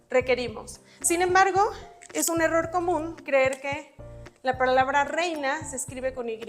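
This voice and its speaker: A woman giving an exam-prep spelling lesson, patiently explaining rules step by step with examples while writing on a board. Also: high voice. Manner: writes on a board while talking. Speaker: spelling teacher.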